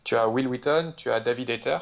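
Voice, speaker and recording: A man co-hosting a podcast in casual chat, talking in a hesitant way with many filler pauses. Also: mid-range voice, creaky. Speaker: podcast co-host.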